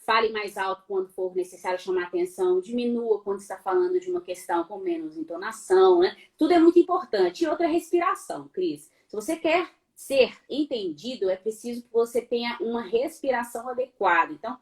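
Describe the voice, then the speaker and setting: A woman's voice: mid-range voice, expressive, brisk, few pauses. A middle-aged woman with a Brazilian Portuguese accent, a law professor giving advice in a live online talk, posing rhetorical questions and playfully imitating sounds.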